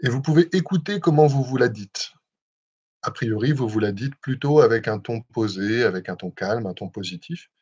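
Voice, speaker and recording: A young man with a breathy, slightly husky voice leads a live self-hypnosis session at a middle pitch. He talks gently, with frequent hesitations and restarts. The sound is muffled and lo-fi, like a webcam livestream. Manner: gentle, measured, with many hesitations. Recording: dull lo-fi livestream audio.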